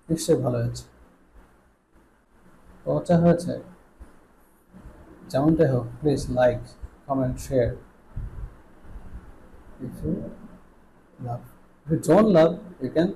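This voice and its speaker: Bangladeshi guy teaching english sounds, real slow drills, bit high voice, faint hiss behind. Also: dark tone, rough recording. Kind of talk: online English pronunciation lesson.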